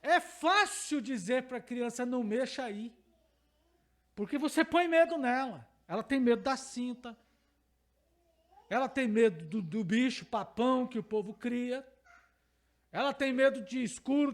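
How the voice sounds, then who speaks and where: A male pastor with a Brazilian Portuguese accent and a very high voice gives a teaching sermon at a measured pace. He is emphatic, repeating key phrases and asking his listeners questions.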